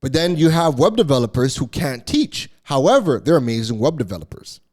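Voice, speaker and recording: Emphatic man, lively pitch. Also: brisk. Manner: emphatic, exasperated, repeats key words. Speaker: business coach host. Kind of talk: solo commentary.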